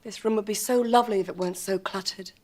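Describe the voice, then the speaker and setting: A woman plays a young upper-class mistress in a period television drama. She speaks with an English accent at a medium pitch, languid and haughty. She sounds brazenly sure of herself. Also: fairly even intonation, fast, a little mellow, close to an everyday voice. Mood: airy, haughty. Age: young adult.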